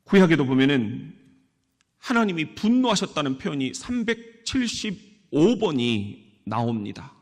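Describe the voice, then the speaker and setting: A man preaching a sermon as pastor of a church, speaking in an animated way and often asking his congregation questions. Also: fairly high pitch, measured pace. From Korea. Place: church sanctuary. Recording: echoey church hall.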